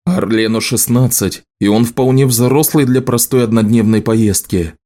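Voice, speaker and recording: A calm, firm husband in a storybook, voiced by a man narrating. He speaks in a steady mid-range voice. The tone is dark and mellow. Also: medium pitch, normal speed, close to an everyday voice.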